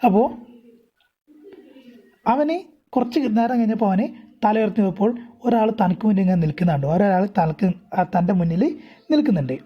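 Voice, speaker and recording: A woman teacher with a Kerala accent explains an English story, reading lines slowly and then rephrasing them again and again. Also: mid-range voice, husky. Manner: repeats and rephrases often. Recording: dull lo-fi recording.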